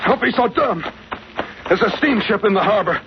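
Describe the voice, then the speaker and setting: A man's voice: high voice, expressive, normal speed, gravelly. A man playing a terse, take-charge American adventurer captain in a 1940s radio serial. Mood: urgent. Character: brisk, commanding, impatient male adventurer captain. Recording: muffled, very noisy 1940s radio recording.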